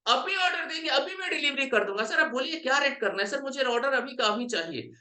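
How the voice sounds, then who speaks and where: A man's voice: very high-pitched, lively intonation, fast, pushed and bright, reverberant, voice pushed up, heavily acted. A man voicing an eager male supplier who keeps pleading for an order, saying "sir" in every line.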